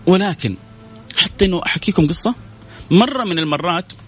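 A man's voice: high voice, animated, brisk, a bit bright, slightly rough, faint music behind. A man preaching in a live-streamed religious talk, speaking to his listeners directly and repeating phrases for emphasis. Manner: conversational, addresses listeners directly.

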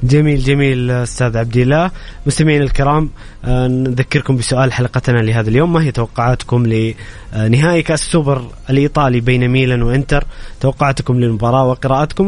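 A man's voice: mid-range voice, a little mellow. A man hosting a radio sports show, interviewing in a conversational way.

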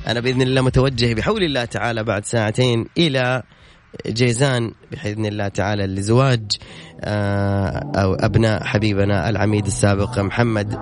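A man's voice: fairly low pitch, steady tone, quick pace, soft background music. A man with a Saudi accent hosting a call-in radio show, playful and effusive with callers as he announces prizes. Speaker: radio host. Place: radio studio with music playing behind.

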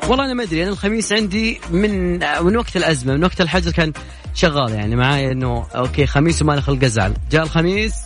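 A man's voice: on the high side, racing, music in the background. A young man with a Saudi accent hosting a casual late-night radio call-in show, chatty and joking as he reads listener messages aloud. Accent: Saudi Gulf Arabic. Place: radio studio. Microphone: studio microphone.

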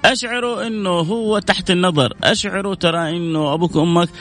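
A man's voice: sits high, fast, a bit bright, soft background music. A man hosting a radio call-in show, giving earnest family advice and reading out listener messages.

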